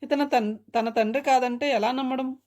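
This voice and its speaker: Woman narrating a story, fairly high voice. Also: steady tone, normal speed, a little mellow.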